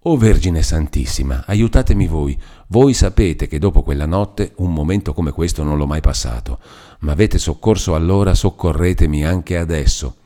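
A man's voice: very deep voice, moderate pace, dark tone. A man reading aloud voices a devout young woman who pleads tearfully and imploringly.

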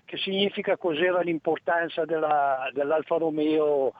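An older man calling in to a radio show over a phone line, telling an anecdote in a halting way with many restarts. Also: fairly high pitch, level tone, no room sound. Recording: tinny phone line, dry.

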